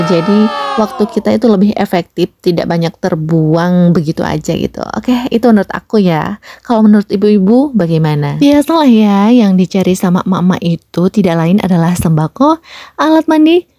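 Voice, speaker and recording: A young woman vlogging about her day, chatty and playful as she talks to other mothers. Her voice is mellow and relaxed, and it sits close and dry with no room around it. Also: lowish voice, moderate pace, no echo. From Indonesia. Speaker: vlogger and homemaker. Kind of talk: casual vlog voice-over.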